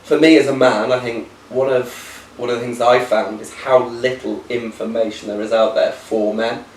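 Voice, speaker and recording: A man's voice: mid-range voice, fairly even intonation, moderate pace. A man in his thirties from the UK, co-hosting a casual chat in a talkative, teasing way with plenty of fillers. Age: 30s. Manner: chatty and teasing, thinks aloud with many fillers. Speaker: co-host. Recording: roomy, distant camera with faint hiss.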